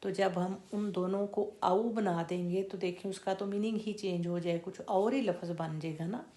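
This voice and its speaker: A woman teaching Quran recitation in a slow, deliberate lesson, stretching out and repeating each syllable to show how it is said. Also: fairly low pitch, vocal fry, mellow. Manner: drawn-out demonstration of each syllable.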